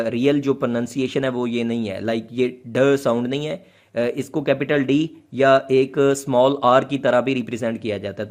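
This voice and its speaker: A man teaching linguistics in a patient explanatory lecture, slowly repeating example sounds, with frequent hesitation fillers. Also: medium pitch, darkish tone.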